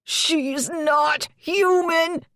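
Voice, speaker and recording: Frantic, screaming teen crow-shifter for a dark fantasy audiobook; very high, delirious, raving, slow. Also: male voice, expressive, dry recording, clean studio sound, heavily acted. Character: frantic teenage boy, shapeshifting crow.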